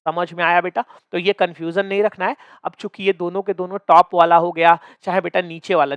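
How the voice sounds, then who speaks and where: Young male physics teacher, slightly high voice, dry close sound, playful and coaxing online lecture style. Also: a bit bright, no room sound. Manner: playful, coaxing, calls students "beta"; asks checking questions often. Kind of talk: online exam-prep lecture.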